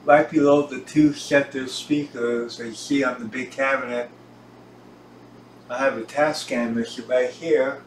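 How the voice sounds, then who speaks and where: Showing off his own equipment in his home recording room, a man narrates a casual tour while filming, speaking slowly in broken-up, halting phrases. His mid-range voice keeps a fairly even intonation. Because the camera is on a tripod at a distance, the audio comes across as roomy, echoey, and lightly hissy.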